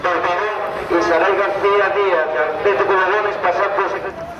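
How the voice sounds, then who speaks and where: A man making formal, polite announcements over a public address loudspeaker at an outdoor athletics track, calling people to the office. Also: sits high, fairly even intonation, a little fast. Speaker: meet announcer. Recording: lo-fi echoey loudspeaker from far off. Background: loud crowd and outdoor noise.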